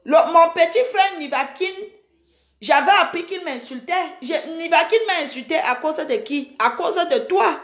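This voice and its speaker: A Cameroonian woman in her forties, a social media personality, rants indignantly at a rival during an angry Facebook live, scolding and repeating herself. Her voice is very high at a moderate pace, and the sound is roomy.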